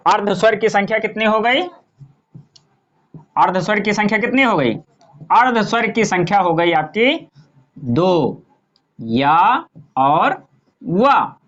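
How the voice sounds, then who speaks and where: A male teacher walks slowly through a grammar lesson. He poses a question and then answers it himself, as in a classroom drill. He lists example words one by one at an unhurried pace. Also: high-pitched, lo-fi sound.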